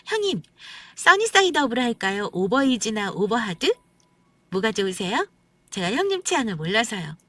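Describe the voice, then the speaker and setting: A woman's voice: a little high, big pitch swings, moderate pace, bright, forceful tone, no echo, heavily acted. A woman voicing a smug young sister-in-law who talks down to others, in a condescending, insistent, sing-song way. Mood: sweetly showy. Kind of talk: storytelling radio acting.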